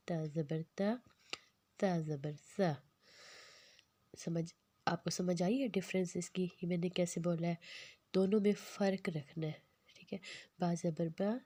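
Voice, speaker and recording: A woman teaching Quran reading in a recorded lesson, patiently explaining and slowly repeating letter drills. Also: lowish voice, mellow, dry recording.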